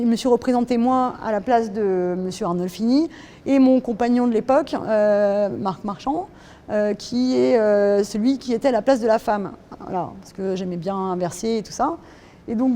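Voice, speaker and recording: Here a woman from France talks through a drawing she made, stumbling, restarting and filling pauses as she explains it casually. Her pitch is a little high and her tone warm, with slight noise in the background.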